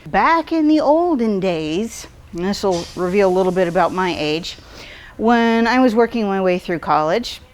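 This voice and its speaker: A middle-aged woman presenting a short art tip for a store, chatty and explanatory, with fillers and self-corrections. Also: mid-range voice. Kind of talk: casual instructional talk.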